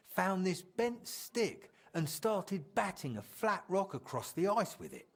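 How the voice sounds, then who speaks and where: Here the townsman's voice is high, slightly rough and exaggerated, performed by an actor for a video game. Chatty and animated, he reminisces warmly about an old drinking buddy, speaking colloquially and acting out what was said.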